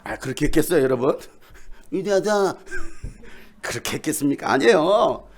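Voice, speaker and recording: A male pastor preaching a lively sermon, joking with the congregation and shouting. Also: on the high side, moderate pace, background noise. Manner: animated, shouts and jokes with the congregation. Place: church sanctuary.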